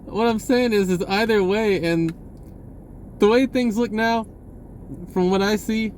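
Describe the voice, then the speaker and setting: In a personal message to his viewers, a vlogger with a fairly high, darkish voice talks off the cuff at a measured pace. His phrases come out short and broken, and he keeps doubling back on himself while faint background noise lingers.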